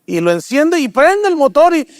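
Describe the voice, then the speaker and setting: A dry recording captures an older pastor preaching at normal speed. His storytelling is animated, with characters acted out in a raised pitch, and he puts rhetorical questions to the congregation.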